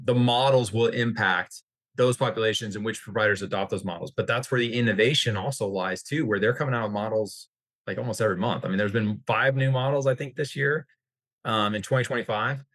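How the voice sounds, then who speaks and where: Speaking briskly in a low-leaning, slightly bright voice with no room sound, this American man is a healthcare industry executive interviewed as an expert. He's wordy in the informal chat, frequently rephrasing himself partway through sentences.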